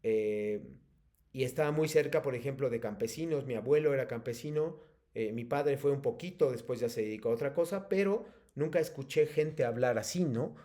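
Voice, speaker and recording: Mexican man teaching an online class, mellow voice. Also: medium pitch, moderate pace. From State of Mexico. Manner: patient, explanatory, many fillers.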